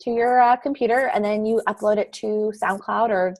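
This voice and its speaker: A woman with a steady, mid-range voice and a darkish tone speaks at a moderate pace. As a podcast guest in an online meeting, she rambles casually through how to start a podcast, often searching for words.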